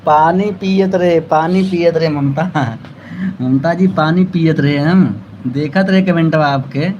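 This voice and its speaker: A man's voice: on the high side, measured pace, darkish tone, muffled recording, slight background noise. A man with an Awadhi accent hosting a casual live stream, chatting with viewers and thanking them by name.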